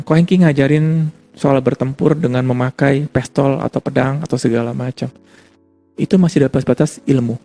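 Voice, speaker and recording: A man's voice: mid-range voice, gravelly, warm tone. A male pastor giving a casual, conversational sermon, repeating his points for emphasis. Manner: casual conversational preaching with repetition.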